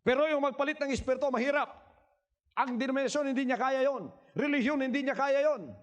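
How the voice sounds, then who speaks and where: A man preaching a sermon in Taglish, repeating words for emphasis, swinging from quiet asides to shouted cries, and firing questions at his congregation. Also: very high voice, a little fast, highs cut off. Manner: asks the crowd rhetorical questions. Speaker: pastor.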